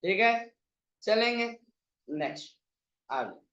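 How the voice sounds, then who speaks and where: Man, high voice, unhurried teacher, chanting verse recitation, roomy slightly dull recording. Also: very animated, fairly bright tone. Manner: slow, drawn-out vowel demonstrations. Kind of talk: online exam-prep lesson. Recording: echoey, slightly dull sound.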